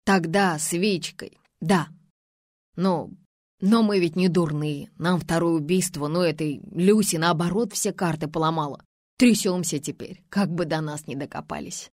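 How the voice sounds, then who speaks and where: A woman's voice: fairly low pitch, unhurried, a little mellow, dry recording, clean studio sound. A woman reading aloud, voicing a frightened young man who pleads and defends himself. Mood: pleading.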